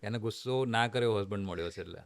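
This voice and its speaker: A middle-aged man from Ahmedabad with a Gujarati accent, a doctor talking in a relaxed way, dropping in English phrases. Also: on the low side, fast talker, creaky, clean tone. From Ahmedabad, India. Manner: relaxed, mixes English phrases, light laughter. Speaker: oncologist guest. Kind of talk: conversational interview.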